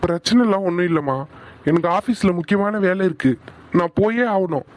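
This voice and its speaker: A man voicing a stubborn young husband in an animated family drama, curt and defiant. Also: high voice, brisk, natural voice. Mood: insistent. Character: angry young husband, stubborn office worker.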